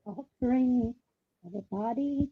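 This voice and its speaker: A woman talking bluntly over a poor call line. Her gravelly voice comes through muffled and faint, as if heard from the other side of a wall, with a little hiss underneath. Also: a little high, measured pace. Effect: muffled and faint, as if through a wall, over a bad call connection. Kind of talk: casual chat over a call.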